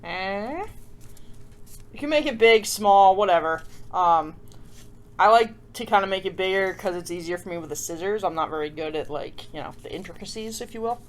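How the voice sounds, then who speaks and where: A children's craft show host guides a tutorial in a chatty, informal way, pausing often to ask viewers questions and making playful jokes about herself. She speaks at a normal speed in a mid-range voice.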